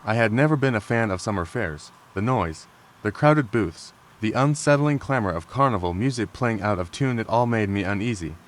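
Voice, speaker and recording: A man narrating true scary stories in a measured, calm storytelling manner. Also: fairly low pitch. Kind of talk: scripted narration. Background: rain sounds.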